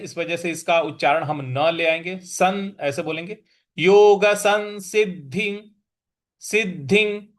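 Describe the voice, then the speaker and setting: Male recitation teacher, high voice, slow deliberate chanting drills with quick explanations. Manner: chants verse slowly, then explains rules quickly.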